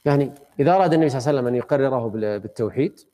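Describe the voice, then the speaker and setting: A man's voice: mid-range voice, very fast, warm tone. A man teaching a study circle, explaining a classical text conversationally and quizzing his students.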